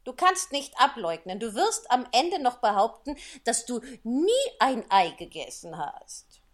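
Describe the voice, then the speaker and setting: A frantic mother pigeon in a storybook shrieks her complaints in a very high, shrill voice that swoops wildly up and down. She is fussy and endlessly scolding, as a man acts her out. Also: sing-song, unhurried, a bit bright, heavily acted. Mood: scornful. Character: fretful shrill female pigeon guarding eggs.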